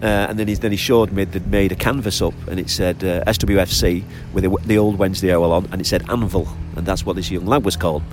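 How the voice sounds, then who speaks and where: A middle-aged man with a Lancashire accent and a deep voice talks in a casual, enthusiastic, storytelling way. He is recorded outdoors, with clear urban ambience and vehicle noise around him. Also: steady tone, quick pace, few pauses. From Lancashire, northern England. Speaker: interview guest, expatriate football fan living on an island. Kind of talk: casual chat. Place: outdoors by the sea.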